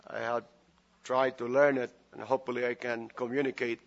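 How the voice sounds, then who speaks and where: With a Filipino accent and Filipino as his first language, this man from the Philippines serves as guest pastor, mixing sermon, prayer, and humor in a chatty style packed with fillers and jokey asides. His mid-range voice keeps a level tone and moderate pace, and the sound is lo-fi.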